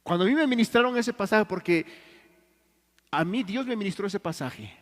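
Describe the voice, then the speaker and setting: A man preaching a sermon in Mexican Spanish, telling stories earnestly and swinging between loud and hushed. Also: high voice, expressive, moderate pace. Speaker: pastor. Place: church hall. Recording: long church reverb.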